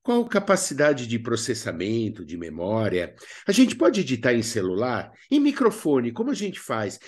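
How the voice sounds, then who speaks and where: In a mid-range, slightly mellow voice, a man with a Brazilian accent teaches a radio theatre workshop. He explains things didactically, posing rhetorical questions and then answering them himself.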